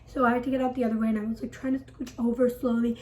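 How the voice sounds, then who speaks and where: Speaking very fast in a slightly high, mellow voice with little pitch movement, a woman recounts a storytime vlog over a low-quality recording. She keeps it breathless and dramatic, filling it with "like".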